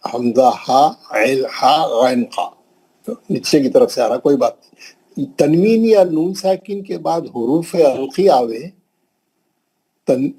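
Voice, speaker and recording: A man's voice: a little high, mellow, slightly rough, poor audio. A man teaching Quran recitation rules in a classroom lesson, patiently repeating each example and drilling the pronunciation. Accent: Hyderabadi. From India.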